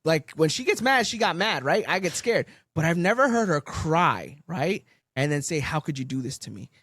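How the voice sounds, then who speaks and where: Young New man, podcast co-host, swears and acts out quotes, lively pitch, dry sound. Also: moderate pace, no echo. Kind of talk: casual storytelling chat.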